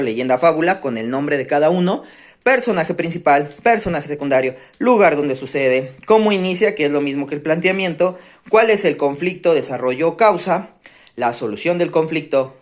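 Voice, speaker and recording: A woman with a Mexican accent teaching a class, animated, often stopping to check the students are following. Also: sits low. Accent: Mexican Spanish. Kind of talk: online class lesson on grammar.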